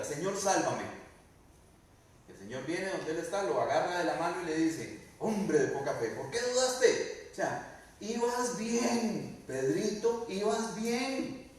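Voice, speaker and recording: A male pastor preaches a sermon, asking the congregation questions and acting out quoted lines. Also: fairly high pitch. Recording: very echoey room, mic at a distance.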